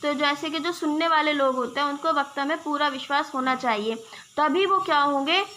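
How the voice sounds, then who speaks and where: A woman's voice: high voice, a little fast, sharp tone, slight background noise. A young woman teaching an exam-prep lesson, explaining step by step and checking in with her viewers as friends. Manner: addresses viewers as "friends", gives examples.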